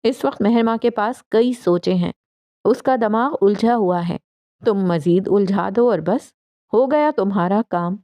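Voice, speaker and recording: A woman voicing a scheming mother who calmly advises her son. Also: mid-range voice, close to an everyday voice. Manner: calm and knowing. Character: scheming mother giving sly advice.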